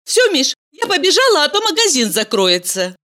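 A bright, teasing young heroine, voiced by a woman reading a storybook sounds very high and lively. She talks in quick exclamations, swinging up and down all over her range. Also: heavily acted. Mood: bubbly. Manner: bubbly, chirpy and exclamatory.

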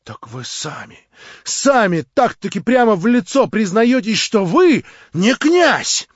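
A man's voice: sing-song, slow, no echo, exaggerated voice. A man voicing a half-mad lame woman who mocks and shrieks, in a dull, dry recording. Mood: shrieking. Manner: shrill, scornful, laughing outbursts.

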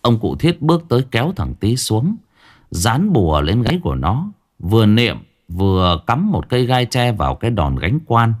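A man's voice: fairly low pitch, sing-song, moderate pace. A man narrating a ghost story dramatically.

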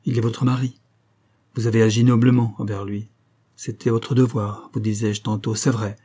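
Storybook role: a man reading as a composed young woman, earnest and dignified, low husky voice. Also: flat delivery, normal speed, warm tone. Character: young woman, dignified, calm and self-sacrificing.

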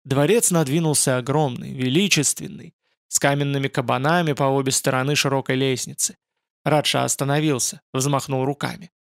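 A man narrating a fantasy novel as an audiobook in an even storytelling manner. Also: mid-range voice, brisk, vocal fry, dry recording, clean studio sound.

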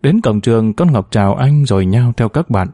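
A man narrating a story aloud in a measured, expressive audiobook style. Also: medium pitch, no echo, studio quality.

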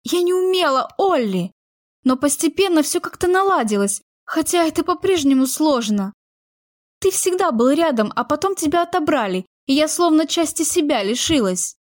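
A woman's voice: sits high, expressive, moderate pace, no echo, studio quality, voice pushed up. A woman voicing a young woman in a heated argument with her partner, defensive and emotional. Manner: heated, pleading outbursts.

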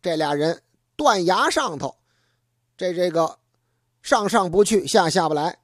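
A storyteller spinning a comic yarn in a traditional spoken style, the pitch bouncing animatedly from phrase to phrase. The delivery is chatty and keeps turning to address the listeners. The sound is dry and close, with no room behind the voice. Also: measured pace, no echo. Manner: lively, chatty asides to the audience.

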